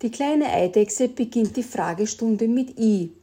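A woman reading a children's story aloud in a slow, gentle storytelling manner. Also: a little high, expressive, husky.

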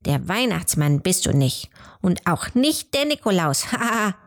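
A woman voicing a gruff, sly grown fox in a storybook, grumbling and scornful. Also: lowish voice, very animated, unhurried, dry recording, studio quality.

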